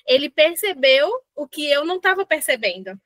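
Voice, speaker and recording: A middle-aged woman, a parent educator hosting a book club, talking in an animated, reflective way with many fillers. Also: sits high, normal speed, no echo. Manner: animated, uses fillers like "né" and "assim", reads quotes aloud. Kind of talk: casual reflective talk with read-aloud passages.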